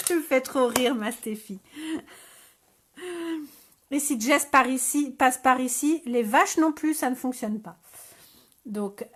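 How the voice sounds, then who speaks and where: French woman, craft live stream host, casual chat, hesitant fillers, slightly high voice, phone mic. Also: slow pace, long pauses, fairly bright tone. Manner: chatty, hesitant, many fillers. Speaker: scrapbooking channel host.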